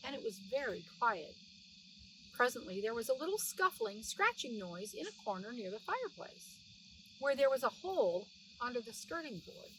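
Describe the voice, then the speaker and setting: A middle-aged woman narrates a children's story expressively, pausing for plain asides that explain words to young listeners. Her voice is fairly high and a bit bright, picked up by a distant mic with faint background noise.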